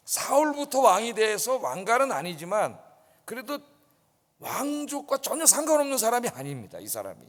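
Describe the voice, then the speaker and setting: Male pastor, lively high voice, sermon in a reverberant sanctuary, keeps asking the congregation "yes?". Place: church sanctuary. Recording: long reverb in a church hall.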